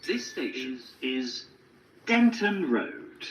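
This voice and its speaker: A man voicing an automated onboard train announcement, formal and measured. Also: medium pitch, very animated, recorded from a distance, a little hiss or hum, poor audio. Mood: announcing. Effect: onboard train announcement over a speaker.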